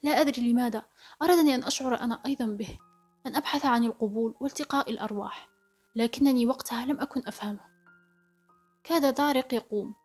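A woman narrating a story in the first person with brisk, steady storytelling. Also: on the high side. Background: faint background music.

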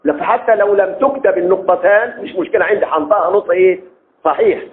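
Egyptian male teacher, echoey tinny line. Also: sits high. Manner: asks the class rhetorical questions constantly; slow and drawn-out on key terms. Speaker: teacher of Arabic text verification. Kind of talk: classroom lecture. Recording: echoey room over a tinny phone-like line.

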